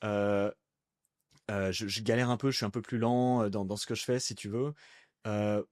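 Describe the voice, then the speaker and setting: This French podcast guest in his thirties has a fairly low, steady, slightly mellow voice and speaks at normal speed. His casual interview talk rambles, with lots of fillers and restarts. The sound is dry and clean, like a studio.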